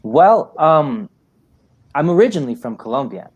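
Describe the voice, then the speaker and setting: A young man from New York, a guest writer talking in an interview in a measured, thoughtful way. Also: fairly high pitch, very animated, slightly rough, muffled recording. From New York, United States. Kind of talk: interview conversation.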